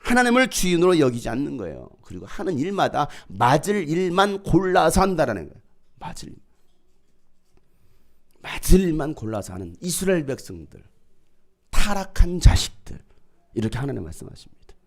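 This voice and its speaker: A middle-aged man preaching a sermon as pastor, swinging from loud proclaiming to hushed storytelling. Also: on the high side, very animated, a little fast.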